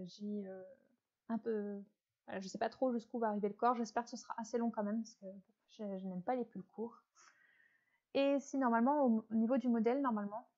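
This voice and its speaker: Woman, knitting podcast host, casual hesitant chat, mellow tone, slightly muffled recording. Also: on the high side. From France. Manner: chatty, hesitant with many fillers. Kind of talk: casual show-and-tell chat.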